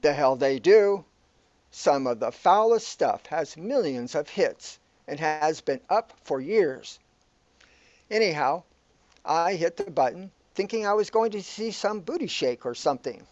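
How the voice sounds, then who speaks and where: A man plays a bewildered, aggrieved figure stuck in an absurd afterlife, complaining at wordy length in the style of amateur sci-fi audio comedy. His voice is fairly high and darkish in tone, with lively intonation and a slightly slow pace. The recording sounds dull and lo-fi, made in an echoey room.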